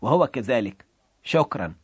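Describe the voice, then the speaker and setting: A man reading aloud a short-tempered middle-aged car dealer in a radio story. He fires off sharp, irritated questions in a dry, close sound with little room to it. His pitch sits in an ordinary middle range. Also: big pitch swings, unhurried, husky, dry recording, exaggerated voice. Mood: apologetic.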